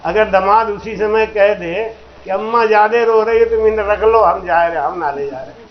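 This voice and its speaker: A man giving a storytelling sermon at a satsang, acting out characters in folksy dialogue and breaking into slow sung verses. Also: sits high. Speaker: spiritual teacher giving a satsang discourse. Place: religious gathering hall. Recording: roomy, dull lo-fi recording with faint noise.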